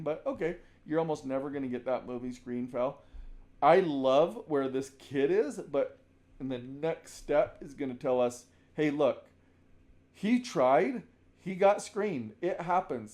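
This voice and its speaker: Here a coach goes over basketball game tape in a mid-range voice. It's conversational, with frequent sentence restarts and the occasional shouted example call.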